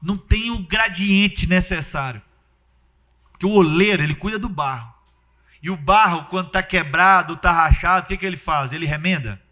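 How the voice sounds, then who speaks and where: High, bright-voiced preacher man. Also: normal speed. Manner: animated, conversational preaching with acted-out quotes and sudden loud bursts. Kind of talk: sermon.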